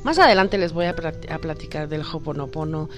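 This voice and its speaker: A woman from Cuba giving a spiritual motivational talk, affectionate and coaxing, often dropping to a hush and calling the listener sweetheart. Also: low voice, lively intonation, brisk, over music. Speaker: spiritual guide.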